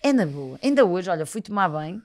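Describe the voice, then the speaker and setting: Her voice is lowish and fairly quick; she's a woman in her thirties with a European Portuguese accent. On a podcast as a guest, she keeps things casual, animatedly recounting stories and playing out each exchange.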